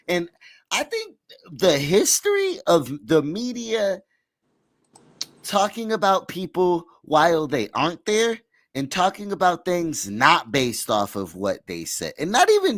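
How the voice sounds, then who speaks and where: A man's voice: on the high side, fairly bright tone, no echo. A man hosting a casual livestream talk show, hyping up viewers and repeating his call-outs. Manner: hype, calls out to viewers, repeats phrases. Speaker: host.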